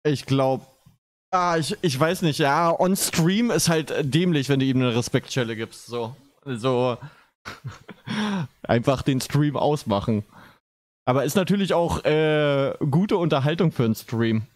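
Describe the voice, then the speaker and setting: A man's voice: medium pitch, measured pace, no echo. A man giving casual reaction commentary on a video, laid-back and joking. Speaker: streamer reacting to a clip.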